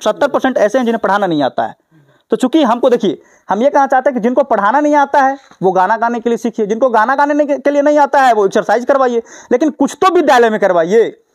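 A man's voice: extremely high pitch, no echo, clean studio sound. A man from Bihar reporting on the spot, questioning and lecturing a teacher outdoors at a village school. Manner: confronting and lecturing. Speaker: reporter and host. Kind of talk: on-the-spot news interview.

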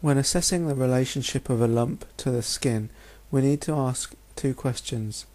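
A man's voice: mid-range voice, moderate pace, darkish tone. A man giving a narrated lecture in a methodical, instructional manner, often posing questions as he explains. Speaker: medical lecturer. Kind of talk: narrated lecture over slides.

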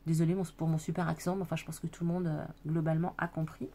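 This scrapbooking video maker addresses viewers directly while casually showing a handmade album, her talk full of fillers and self-corrections. Her mellow, low-pitched voice is flat in delivery and quick in pace.

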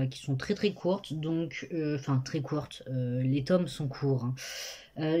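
Fairly low in pitch and darkish in tone, a young woman's voice carries a casual book vlog shot on a phone camera in her bedroom at her parents' home. She chats freely, stumbling into hesitations and self-corrections.

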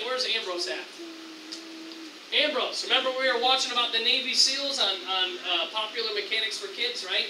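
High, bright-voiced preacher in an echoey church. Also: male voice, recorded from a distance, noisy background. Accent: American. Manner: animated preaching, acts out tempters in excited raised voice. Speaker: pastor. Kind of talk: sermon. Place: church sanctuary.

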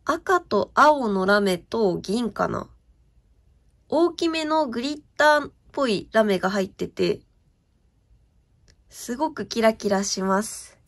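Her voice is a little high and animated, yet she speaks at a slow pace with long pauses. A young stationery vlogger, she casually shows off her purchases in a gushing show-and-tell, often asking whether viewers can catch the sparkle.

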